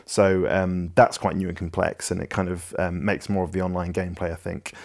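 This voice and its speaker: A man's voice: deep voice, little pitch movement, brisk, vocal fry. A man, a game developer, answering community questions in a casual chat, rambling through his explanations with lots of ums and you-knows.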